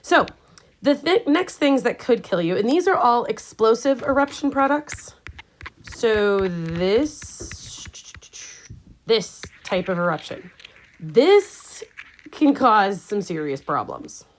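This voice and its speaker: A woman's voice: on the high side, big pitch swings, slow pace, a little hiss or hum, low-quality recording. A woman science teacher giving a casual, chatty recorded lecture full of wry asides and fillers. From Indiana, US. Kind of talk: recorded class lecture over slides.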